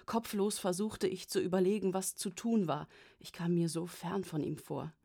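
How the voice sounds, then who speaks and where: A woman narrating a first-person story as an audiobook, in an even, measured way. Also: lowish voice, vocal fry, husky.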